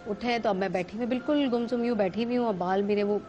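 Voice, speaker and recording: A woman's voice: medium pitch, quick pace, dark tone, highs cut off, faint music behind. A woman from Pakistan, a talk-show guest, telling a vivid personal story and acting out what others said.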